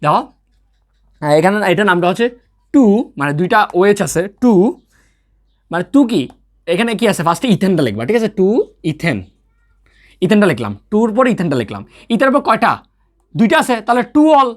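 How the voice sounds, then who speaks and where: A man's voice: high voice, very animated, brisk, pauses often. A young man teaching a recorded chemistry lesson. He keeps checking in with his students, answers his own questions and mixes English terms into his talk. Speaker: chemistry tutor. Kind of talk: recorded online lecture.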